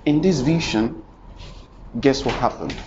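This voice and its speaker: A man preaching a sermon, dramatic, swinging between loud and hushed and asking the congregation questions. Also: medium pitch, unhurried, background noise. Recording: muffled recording with faint ambience.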